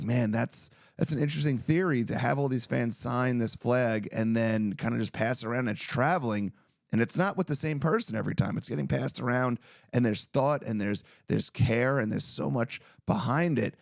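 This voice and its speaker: A podcast host on a video call with a low, gravelly voice. He rambles with enthusiasm. The sound is dry. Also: a little mellow, no room sound. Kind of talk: casual chat.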